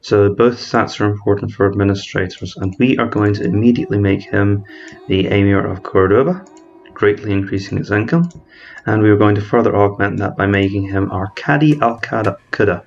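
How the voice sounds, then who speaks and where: This lo-fi clip features a man whose gravelly voice sits on the low side, moving at a moderate pace. He narrates a strategy game as a let's-player, offering step-by-step explanatory commentary while thinking aloud and catching himself mid-word.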